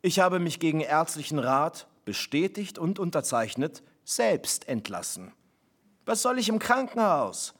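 A man's voice: fairly high pitch, very animated, unhurried, exaggerated voice. Man reading a jaunty father, defiant, matter-of-fact. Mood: amused. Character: cheerful defiant father, middle-aged man.

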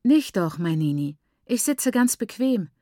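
A woman reading an audiobook voices a polite, gentle middle-aged aunt in a higher, brighter register. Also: brisk, dry recording, clean studio sound, lightly acted. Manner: courteous, soothing. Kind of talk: audiobook character voice.

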